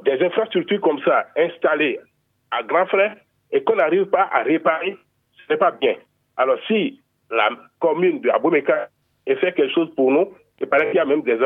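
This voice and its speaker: A man from Benin, phoning a radio show to lay out a neighborhood complaint in a formal, step-by-step way with small hesitations, heard over a telephone line. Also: fairly high pitch. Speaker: radio call-in listener. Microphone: telephone handset. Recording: narrow tinny phone line.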